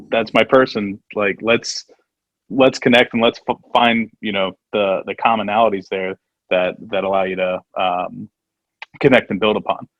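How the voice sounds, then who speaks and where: A man from Texas hosts a video call in a lowish voice, halting and heavy on fillers. His sound is dull and dry, with no room around it. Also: fairly bright tone, no room sound. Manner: halting, lots of fillers and restarts. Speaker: event host, moderator. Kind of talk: casual moderating on a video call.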